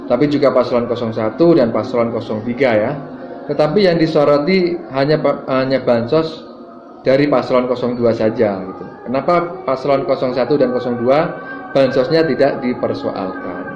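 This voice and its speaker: A man hosting a political commentary video, explaining calmly and addressing his viewers as friends. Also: mid-range voice, normal speed, background noise. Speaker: host commenting on viewer clips. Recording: roomy, dull sound with music behind.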